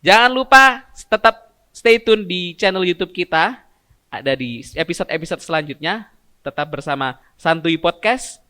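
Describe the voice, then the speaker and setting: A young man hosts a relaxed podcast conversation, his voice bright and a touch sharp. He drops quick backchannels and light jokes between his guests' answers, pitched slightly above the usual male range. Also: clean tone. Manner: relaxed, frequent short backchannels and jokey asides. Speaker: podcast host. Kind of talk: casual podcast chat.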